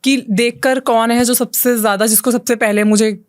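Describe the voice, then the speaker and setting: A podcast host from India leads the interview, asking questions in a mix of Hindi and English at an ordinary mid pitch. The host keeps up a steady stream of brief acknowledgments while the guest talks. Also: moderate pace. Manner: frequent short acknowledgments.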